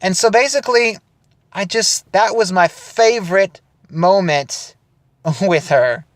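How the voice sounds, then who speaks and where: A young man telling a funny story casually to the camera for an audition, animated and chatty. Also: high voice, takes it slowly, no room sound. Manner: animated, chatty, frequent restarts and laughter. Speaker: audition video speaker.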